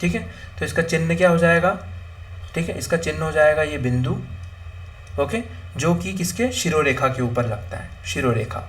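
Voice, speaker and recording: Young male tutor, slightly high voice, repetitive question-and-answer exam-prep teaching, mixes in English. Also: moderate pace, fairly bright tone, slight background noise. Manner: repetitive, asks and answers his own questions; mixes English words into Hindi. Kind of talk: exam-prep lesson on Hindi grammar.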